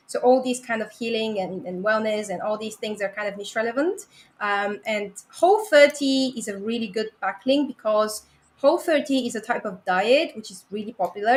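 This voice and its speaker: A woman presenting a domain review on a live show, upbeat and quick to laugh. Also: a little high. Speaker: domain analyst guest. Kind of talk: casual live-stream presentation.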